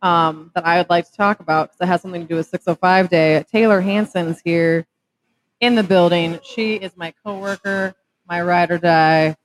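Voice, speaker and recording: A woman's voice: on the low side, fairly even intonation, normal speed, low-quality recording. A woman co-hosting a live podcast from a taproom, bubbly and giggly as she runs through local events. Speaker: podcast co-host. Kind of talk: upbeat live podcast chat. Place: restaurant taproom, live show.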